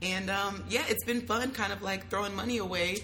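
A young adult woman, a travel content creator, talking casually as an interview guest, lively, slangy and quick to laugh. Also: mid-range voice. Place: at a travel festival.

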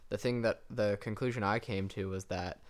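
A man's voice: fairly low pitch, fairly even intonation, moderate pace. A man on a student panel, laying out his argument point by point. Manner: methodical, lists points. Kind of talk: casual discussion.

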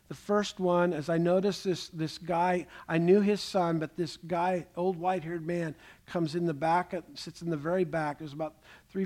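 Man, pastor, sermon, storytelling, high voice, joking asides. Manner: storytelling, animated, jokey asides.

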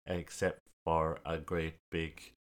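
A man with a lilting, musical Kerry Irish accent, chatting and telling stories in a halting way, often repeating words. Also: extremely low pitch, little pitch movement. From County Kerry, Ireland. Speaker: storyteller, podcast guest. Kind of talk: casual chat, storytelling.

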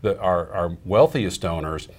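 A man's voice: low-pitched, animated, a little slow, a little mellow. A man hosting an interview, asking questions conversationally. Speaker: interview host. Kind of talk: podcast interview.

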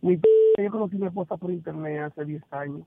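A man's voice: fairly high pitch, fast talker, vocal fry, no echo. A man from the Dominican Republic calling in to a talk show, earnest as he tells his own story. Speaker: phone-in caller. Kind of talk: casual phone call. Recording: dry tinny phone line.

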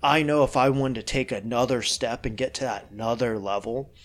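On an easygoing podcast, a middle-aged fitness coach rambles loosely about his work, peppering his speech with "you know" and "like" and swearing from time to time. He is frank, with an ordinary pitch and fairly even intonation, and talks a little fast.

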